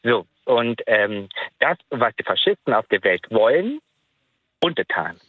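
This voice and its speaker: A man's voice: mid-range voice, very animated, unhurried, slightly rough, dry recording. A man from Sri Lanka calling into a radio show, earnest and emphatic. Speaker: caller. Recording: phone-line sound.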